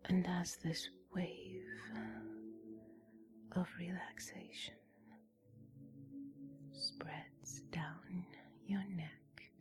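A woman giving a guided sleep relaxation like a sleep story narrator, in a soft breathy whisper, soothing and gently instructing with long pauses. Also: lowish voice, flat delivery. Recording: soft music with singing bowl behind. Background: relaxation music.

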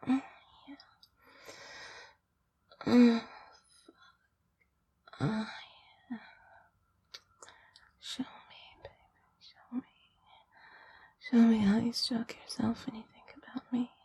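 A woman speaking in a soft, breathy whisper close to the mic, murmuring in an intimate roleplay. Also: a little high, flat delivery, takes it slowly, pauses often. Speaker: erotic audio performer.

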